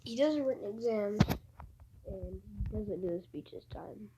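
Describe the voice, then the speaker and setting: A woman casually retelling an anime plot, rambling with many fillers and often dropping into soft half-whispers. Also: mid-range voice, animated, normal speed. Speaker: anime fan channel host. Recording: loud background noise.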